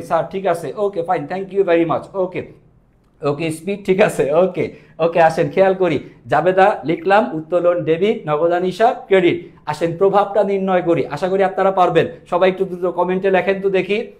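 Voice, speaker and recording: High-voiced, fast-drilling accounting teacher. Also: male voice, a little mellow. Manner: quick, drilling questions and answers to students. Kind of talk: live online class lecture.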